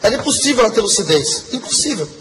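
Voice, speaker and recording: A man's voice: high voice, very animated, quick pace, fairly bright tone. A man giving an earnest, emotional testimony sermon to a congregation. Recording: long hall reverb, faint background noise.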